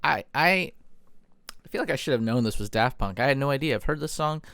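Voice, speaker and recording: A man's voice: mid-range voice, lively intonation, fairly quick, gravelly. A man hosting an album reaction, reacting enthusiastically and thinking aloud with fillers while the record plays. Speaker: music reaction host. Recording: music playing loudly underneath. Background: album music playing.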